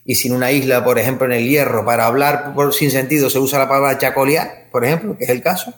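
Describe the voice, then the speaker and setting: A man's voice: medium pitch, fairly even intonation, fast talker. A man with a Canarian Spanish accent, an ethnomusicologist guest giving long, discursive explanations full of tag questions. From Tenerife, Canary Islands. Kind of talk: explanatory interview answers.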